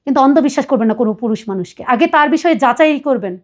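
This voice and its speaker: High-voiced woman telling a painful story. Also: lively intonation, fast. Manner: earnest, pleading, quotes others at length. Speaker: guest telling her life story. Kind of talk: emotional personal confession.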